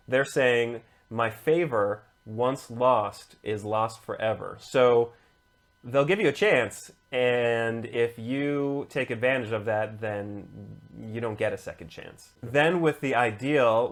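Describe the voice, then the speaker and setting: A man co-hosting a casual discussion, building a tabletop game character and explaining it in long flowing stretches. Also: mid-range voice. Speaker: co-host.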